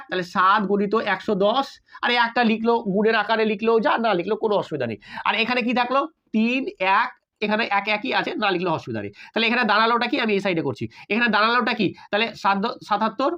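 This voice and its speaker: Guy teaching math real quick, keeps asking if you got it, kinda dull lo-fi sound. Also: high voice, bright, forceful tone. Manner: talks straight to students, asking "got it?" often. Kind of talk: casual online math lesson. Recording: slightly dull lo-fi audio.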